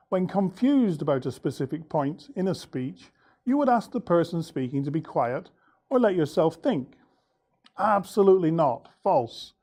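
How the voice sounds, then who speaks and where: A male English teacher talks through a lesson's answer key at a measured pace. His voice sits a little high but sounds warm and mellow. He speaks clearly and uses the occasional filler as he explains. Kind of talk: going over lesson answers.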